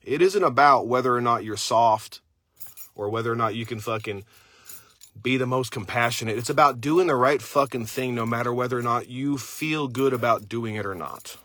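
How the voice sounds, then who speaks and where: A man's voice: mid-range voice, normal speed, fairly bright tone, no room sound. A father giving a blunt, intense motivational rant full of swearing. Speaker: motivational speaker.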